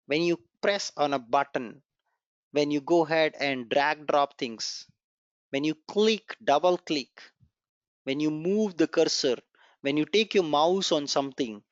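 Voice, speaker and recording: Through what sounds like a dull, dry, lo-fi computer mic with no room sound, a Gujarati-speaking programming instructor runs a live online coding class. He's encouraging, repeats the important points, and walks through the code one step at a time.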